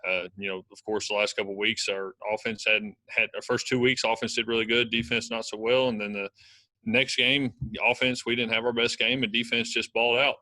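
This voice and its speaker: A young man, a college football lineman, answering reporters' questions at a press conference in fast, casual speech full of fillers like "you know". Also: medium pitch, flat delivery, pushed and bright, no room sound, poor audio. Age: young adult.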